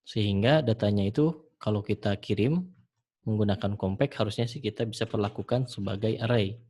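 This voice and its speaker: A man teaching programming in a screen-recorded tutorial, talking the viewer through each step in a relaxed way with frequent fillers. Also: fairly low pitch, fairly quick. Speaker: programming instructor.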